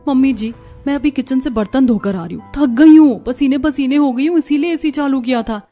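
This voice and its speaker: A woman's voice: high-pitched, a little fast, warm tone, soft background music, lightly acted. A woman voicing a carefree young daughter-in-law in a cartoon, breezy and sometimes pleading. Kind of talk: cartoon voice acting.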